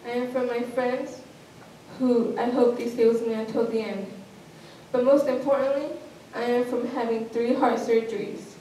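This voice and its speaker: A woman with a slightly high voice recites a personal poem in a steady, list-like cadence. She is picked up from some distance in a very echoey room, with faint noise underneath. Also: normal speed.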